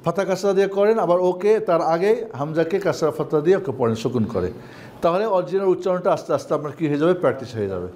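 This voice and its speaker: A man with a Bangladeshi accent teaching Quran reading in an online class, drilling Arabic sounds in slow call-and-repeat. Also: fairly high pitch, animated, a little mellow.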